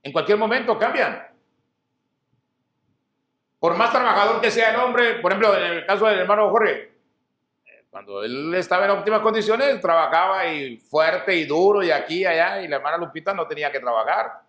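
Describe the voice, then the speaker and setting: Middle-aged man, pastor, preaching; high voice, call-and-answer questions, roomy church echo. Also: animated, moderate pace, a bit bright. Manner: asks the congregation rhetorical questions and answers them; repeats and rephrases key phrases. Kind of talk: sermon. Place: church hall.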